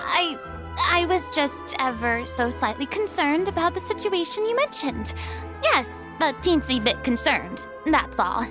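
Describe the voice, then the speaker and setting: A woman's voice: sits high, big pitch swings, unhurried. A flustered, theatrical showwoman. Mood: defensive. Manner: flustered, stammering, grandly theatrical. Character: theatrical flustered young woman, proud and showy. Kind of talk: video game voice acting. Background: game music.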